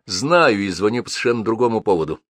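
A man voicing a seasoned police colonel who speaks calmly and firmly with a dry irony. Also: on the low side, fast talker, no room sound, natural voice. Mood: composed. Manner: calm, firm, dryly ironic. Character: seasoned police colonel, calm, dryly ironic.

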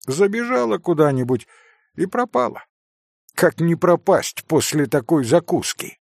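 A man reading an audiobook, putting on the voice of an excited, insistent teenage schoolboy. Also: fairly high pitch, unhurried, creaky, dry recording, studio quality, heavily acted. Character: eager, bossy teenage schoolboy, talking fast.

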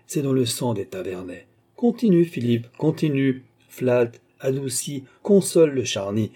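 A man's voice: medium pitch, mellow, slightly rough, pitched above the performer's own voice. A man reading an audiobook, voicing a scheming, sneering old baron with a strident, raised voice. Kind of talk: audiobook character voice.

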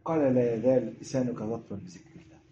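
A man's voice: medium pitch, fast talker, dark tone, slight background noise. A man with an Egyptian Arabic accent preaching a sermon fervently, building into emphatic repetitions. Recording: roomy, dull lo-fi sound.

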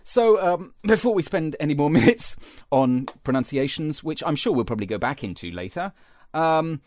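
Wry, somewhat high-voiced man hosting. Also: very animated, moderate pace, a little mellow, slight background noise. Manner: wry, hesitant, with fillers. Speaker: podcast co-host. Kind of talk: casual chat.

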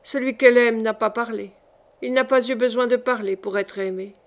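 Lovesick young man read by a woman, dejected, sighing, fairly high voice. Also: steady tone, normal speed, natural voice.

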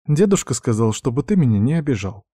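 A man voicing a shy, playful young red-haired girl with a high girlish voice, timid and sweet. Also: very animated, quick pace, warm tone, breathy edge, no echo, clean studio sound. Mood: flustered.

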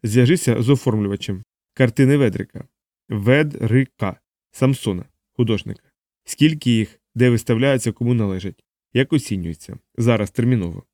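A man's voice: mellow, dry recording, clean studio sound, close to an everyday voice. A man doing a cold, commanding menacing man. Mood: curt orders. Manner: curt, measured, dull bass. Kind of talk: audiobook character voice.

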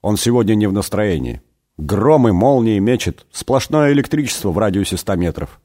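A man's voice: fairly low pitch, lively intonation, normal speed, mellow. A man voicing Judas as a sheepish, money-loving figure who pleads and whines. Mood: conspiratorial. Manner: whiny, pleading.

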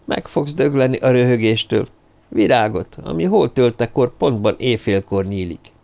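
A man's voice: medium pitch, animated, vocal fry, a little mellow, voice pushed up. A man voicing a superstitious, anxious male tavern keeper in an audiobook. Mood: uneasy.

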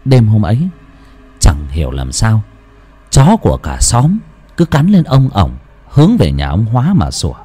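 A man's voice: fairly low pitch, huge pitch swings, moderate pace, mellow, breathy edge. Dramatic male ghost story narrator. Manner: dramatic, suspenseful.

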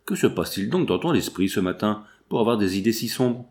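A man's voice: fairly low pitch, expressive, brisk. A man doing a worried, doting father. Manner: gentle, anxious coaxing. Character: indulgent, worried father in his fifties.

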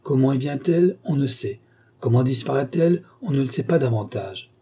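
An eccentric, stubborn doctor who swears he believes in ghosts, as a man reading a novel aloud puts him on. He presses his point earnestly in a dark, mellow, breathy voice. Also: mid-range voice, expressive, normal speed. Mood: insistent.

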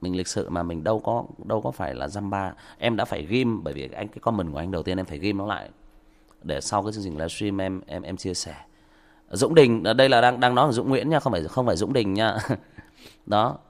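A man's voice: low voice, lively intonation, fast. A man, hosting a livestream and lecturing a rude commenter with mock politeness and emphatic rhetorical questions. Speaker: audiobook livestream host.

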